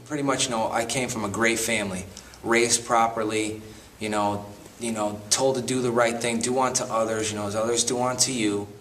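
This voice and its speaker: A man's voice: medium pitch, fairly even intonation, a little fast, a bit bright, recorded from a distance, slight background noise. A man in his late twenties from Connecticut, rambling through his memories with many restarts for a documentary. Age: 20s. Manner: rambling, lots of you-knows and restarts. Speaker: interviewee. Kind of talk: documentary testimony.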